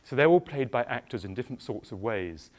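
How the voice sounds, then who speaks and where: A middle-aged actor from England, with a mid-range voice and brisk delivery, leads an interactive children's show while wearing a clip-on mic. He's animated and playful, constantly asking the kids questions.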